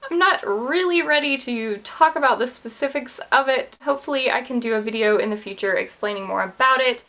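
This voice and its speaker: A woman's voice: on the high side, fairly bright tone. A woman in her twenties, a book vlogger talking casually to camera in a chatty, candid, self-deprecating way. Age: 20s.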